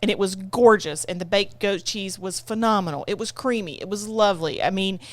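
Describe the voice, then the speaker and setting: A woman's voice: medium pitch, a little fast. A woman co-hosting a casual food review in a conversational, emphatic way. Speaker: co-host reviewing theme park restaurants.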